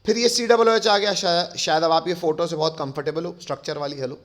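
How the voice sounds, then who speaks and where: Explaining chemistry one step at a time, this male teacher fondly calls his students kids and frequently checks that they're keeping up. He speaks briskly in a steady, somewhat high, slightly bright voice.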